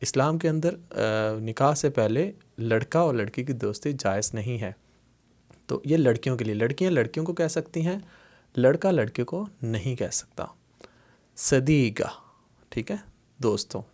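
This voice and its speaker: A man teaching Arabic words, explaining patiently in a slow lesson style and repeating each word. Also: mid-range voice, expressive, darkish tone. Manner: repeats words slowly, many fillers and "theek hai".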